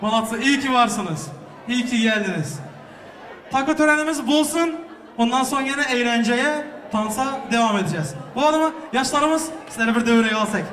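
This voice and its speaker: A man hosting a wedding as a booming announcer, calling out to guests in a jocular, teasing way. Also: animated, brisk, fairly bright tone, slight background noise. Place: wedding hall over PA, music and guests behind. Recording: echoey hall, distant mic, music and crowd.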